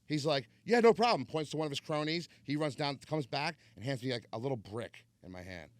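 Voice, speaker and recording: A podcast guest from New York, new to the show, spins a story in a super casual, rambling way, leaning on "like" and "so" constantly. His mid-range voice moves fairly quickly, and the sound is dry with no echo, giving a laid-back storyteller feel.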